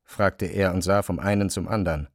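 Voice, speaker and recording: Low-voiced man narrating a novel. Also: dry recording, clean studio sound. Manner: measured, even reading. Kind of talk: scripted literary narration.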